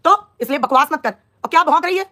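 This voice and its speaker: A woman's voice: high-pitched, quick pace, pushed and bright. A young woman on a live stream, scolding and taunting a rival in an angry, combative rant.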